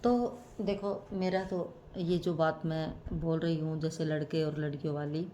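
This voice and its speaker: A woman vlogger talking casually to camera in a reflective way, pausing often with fillers. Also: sits low, fairly even intonation, mellow, a little hiss or hum. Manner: reflective, musing, with many fillers and hesitations.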